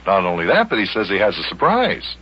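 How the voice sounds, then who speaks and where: On a muffled old radio broadcast recording, an actor uses a husky, fairly low voice at a quick pace, fully in character. He plays a hearty, patient, folksy grown man who also narrates an old-time children's radio serial, telling the story in an animated, folksy manner.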